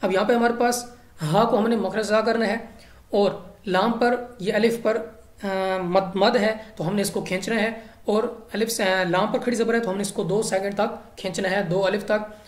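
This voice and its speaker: A woman's voice: mid-range voice, fairly even intonation, moderate pace. A woman teaching Quran recitation rules in a patient, step-by-step way. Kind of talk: recitation lesson. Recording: echoey room.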